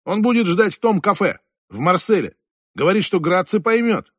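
A police officer, read by a man, passes on a message in plain, matter-of-fact terms. His voice is husky and somewhat high. The sound is close and dry. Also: animated, normal speed, no room sound. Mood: reporting. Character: police officer relaying a phone call.

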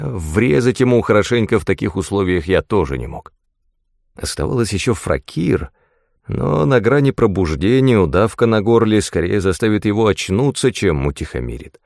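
A man reading a first-person fantasy audiobook in a measured, expressive storytelling manner. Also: lowish voice, gravelly, dry recording, clean studio sound. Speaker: audiobook narrator.

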